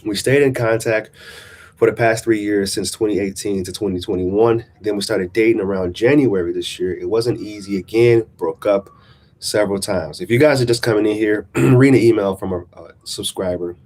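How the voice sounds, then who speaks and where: A man with a lowish, darkish voice that's congested and nasal from a recovering sinus infection speaks at a moderate pace. As a relationship coach vlogging from a small-town coffee shop, he reflects casually and motivationally while reading out a subscriber email.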